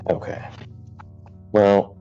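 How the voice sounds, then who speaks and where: A man's voice: very slow, warm tone. A middle-aged man speaking plainly and informally as a judge in a courtroom hearing. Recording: muffled courtroom audio, music underneath. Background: guitar music.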